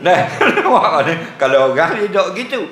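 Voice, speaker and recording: This Terengganu Malay-accented teacher's voice is high and a bit bright, with big pitch swings and a slightly fast delivery. He jokes with and teases his audience, laughing often, during an evening religious lecture in a village prayer hall, recorded in an echoey space with faint ambience and a little hiss or hum.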